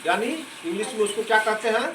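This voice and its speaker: A man teaches a classroom lesson in a high, bright, steady voice, explaining slowly and repeatedly asking the class whether they're following. He sounds far from the microphone in an echoey room, with faint background noise.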